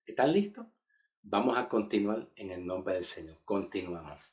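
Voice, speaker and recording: A man's voice: on the low side, lively intonation, moderate pace, a little mellow. A man teaching a Bible study lesson, who repeats key words and keeps checking in with his listeners. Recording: echoey room, voice from far off the mic.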